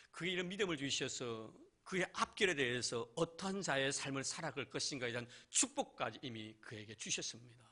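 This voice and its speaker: A man's voice: mid-range voice, sharp tone. A male pastor preaching a sermon in church, asking rhetorical questions and addressing the congregation directly.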